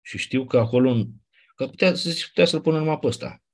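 A man teaching a class, explaining step by step in a conversational way with quick asides. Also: medium pitch, a little mellow. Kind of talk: classroom lecture.

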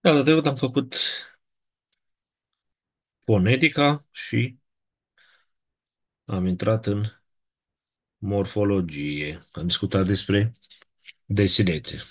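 A man with a Romanian accent teaching a Latin class, explaining in a measured way and often checking in with the students. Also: on the low side, breathy edge. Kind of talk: classroom lecture.

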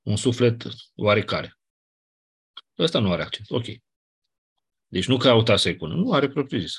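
A man's voice: medium pitch, very animated, vocal fry, husky. A man teaching a grammar lesson in a casual, explanatory way, often checking with his listeners. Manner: explanatory, colloquial asides, checks with "nu?". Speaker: Greek teacher. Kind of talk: classroom lecture on Ancient Greek grammar.

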